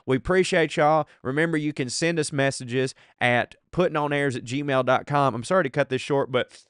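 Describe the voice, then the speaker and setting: A man's voice: fairly high pitch, normal speed, a bit bright, smooth, dry recording, clean studio sound. A man with a blocked, congested nose and short breath, hosting a podcast in a casual, profane, bantering way. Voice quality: congested, stuffed-nose sound from allergies. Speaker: podcast host. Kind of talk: casual comedic podcast talk, reading listener mail aloud.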